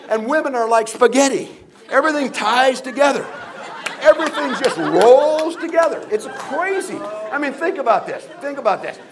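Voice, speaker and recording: High-voiced man giving a humorous motivational talk. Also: lively intonation, normal speed, crowd noise, noisy background. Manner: humorous storytelling with jokes and acted-out voices; asks the audience rhetorical questions. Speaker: guest speaker.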